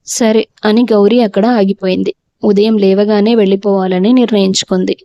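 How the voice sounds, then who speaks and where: A woman narrating a family drama audio story in a steady storytelling voice. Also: medium pitch, normal speed, dry recording, dull audio.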